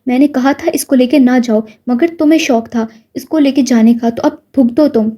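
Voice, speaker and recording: A woman's voice: sits high, steady tone. A woman voicing a bad-tempered middle-aged aunt who scolds angrily. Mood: angry. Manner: angry, shouting, scolding.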